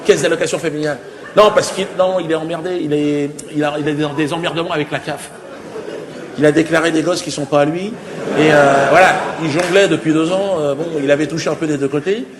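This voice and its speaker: A man's voice: fairly high pitch, fairly even intonation, brisk, a crowd in the background. A man telling a rambling, conspiratorial stand-up story, often laughing through his lines. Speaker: stand-up comedian.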